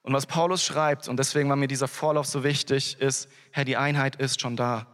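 A man preaching a sermon to his congregation in a conversational way, often turning to the listeners with quick asides. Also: medium pitch, flat delivery, a bit bright, in a large hall. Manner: conversational, addresses the congregation directly with frequent "hey" and "ja". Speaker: pastor.

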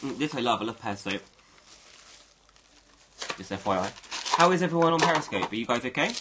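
A man's voice: mid-range voice, expressive, brisk, background noise. A man hosting a casual livestream, rambling and thinking aloud as he talks to his viewers. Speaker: livestream host.

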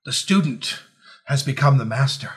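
A man's voice: mid-range voice, lively intonation, normal speed. A man co-hosting a casual movie commentary, joking and riffing on scenes with frequent fillers. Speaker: podcast co-host.

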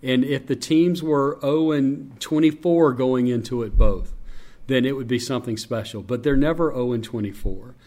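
Deep-voiced man, stadium announcer being interviewed, reflective storytelling, mid pitch. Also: normal speed, dark tone. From North Carolina. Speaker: public address announcer. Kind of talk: interview conversation.

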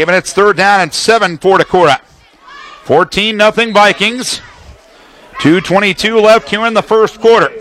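In a forceful, bright, high-pitched voice, a man does radio play-by-play of a live football game. His calls describe both the situation and the action through clipped, detail-heavy phrases.

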